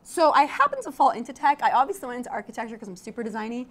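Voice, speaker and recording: A woman's voice: fairly high pitch, animated, rapid-fire, fairly bright tone. A young woman from Iraq, an architect and tech founder, chatting animatedly as an interview guest and laughing often. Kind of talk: casual interview chat. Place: event studio.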